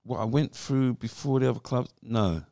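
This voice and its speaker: A man, a podcast guest telling his story in a lively, animated way. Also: medium pitch, moderate pace, dry recording, studio quality. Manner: animated storyteller who acts out voices. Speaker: podcast guest, former footballer. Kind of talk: casual interview storytelling.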